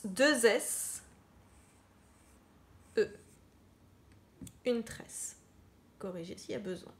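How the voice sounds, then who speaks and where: A woman teacher giving children a slow spelling dictation, repeating each word and spelling it out. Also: a little high. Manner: slow, deliberate, spells out words and repeats them. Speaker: primary school teacher.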